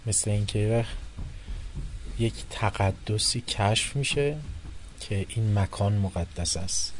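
A man giving a religious philosophy lecture to a class, animated, moving between soft and loud and acting out the people he quotes. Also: fairly low pitch, slight background noise. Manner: animated, shifting loudness, quotes and acts out people.

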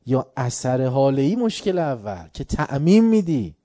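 A man's voice: mid-range voice, very animated, mellow, dry recording, clean studio sound. A man giving a religious lecture, telling anecdotes and acting out the dialogue, growing emphatic as he makes his points. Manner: storytelling, acts out dialogue, grows emphatic.

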